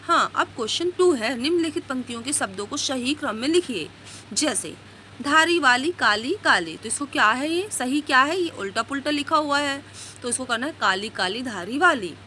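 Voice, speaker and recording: Woman teacher, high voice, question-by-question workbook explainer, faint background hum. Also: expressive, a little fast, pushed and bright. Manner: explains each question and reads out answers, asking "है ना?". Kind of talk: workbook lesson walkthrough.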